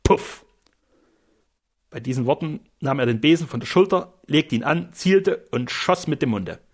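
A man reading a story aloud as narrator, with expressive storytelling. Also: medium pitch, normal speed, slightly rough. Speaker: audiobook narrator. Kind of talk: scripted narration.

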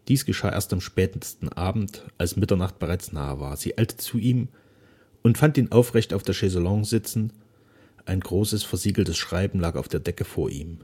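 A man reading a serialized novel aloud in slow, measured narration. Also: low voice, mellow, breathy edge. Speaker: audiobook reader.

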